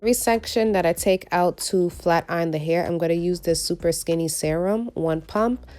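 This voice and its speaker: A woman beauty vlogger with a raspy, gravelly voice from a recovering cold, giving a tutorial voice-over. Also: on the low side, moderate pace, mellow, soft background music.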